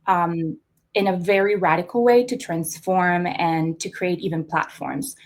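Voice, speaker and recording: A young adult woman from Costa Rica, an artist guest in an interview, speaking thoughtfully with many pauses and fillers. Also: fairly low pitch, fairly even intonation. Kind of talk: conversational interview.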